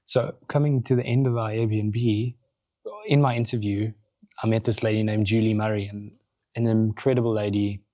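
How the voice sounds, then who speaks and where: A South African man, a podcast guest and coffee roaster founder, telling his story in casual, animated chat in a studio. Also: fairly low pitch, normal speed, no room sound. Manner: animated, acts out quotes in other voices.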